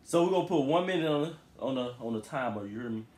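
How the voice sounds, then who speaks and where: Young male, playful slangy banter, very animated delivery, echoey bedroom recording. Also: mid-range voice, quick pace. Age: young adult. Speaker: challenge participant. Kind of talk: casual joking banter. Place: small bedroom, indoors. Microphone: camera a few feet away. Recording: echoey room with background noise.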